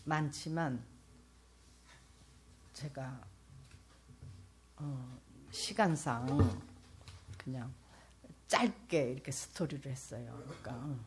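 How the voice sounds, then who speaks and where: An older woman from South Korea giving an earnest church testimony as a pastor's wife, speaking straight to the audience and swinging between loud and soft. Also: extremely low pitch, takes it slowly, long pauses, slight background noise. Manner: earnest, addresses the audience directly.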